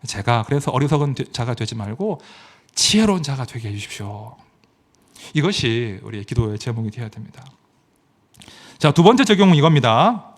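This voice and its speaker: A middle-aged man preaching a sermon as pastor, emphatic and animated, swinging from loud exclamations to quiet asides and asking rhetorical questions. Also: medium pitch, fairly quick. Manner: asks the congregation rhetorical questions.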